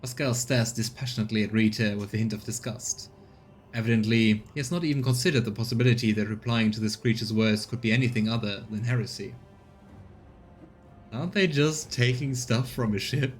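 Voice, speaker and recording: A man's voice: fairly low pitch, a little fast, faint music behind, rough recording. A man doing a let's play, switching between casual commentary and reading the game's narration aloud. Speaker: let's player and streamer.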